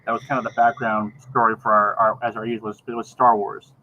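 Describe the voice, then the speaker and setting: A middle-aged man chatting casually on a video call, rambling and halting, often repeating words as he gathers his thought. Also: fairly low pitch, flat delivery. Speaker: podcast co-host. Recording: dull lo-fi video call, faint background noise.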